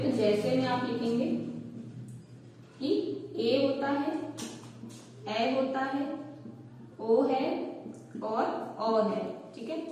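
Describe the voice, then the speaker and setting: A woman's voice: sits high, a little mellow, a little hiss or hum. A woman teacher giving a lesson, explaining step by step and often checking that the class has followed. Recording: echoey room, voice from far off the mic.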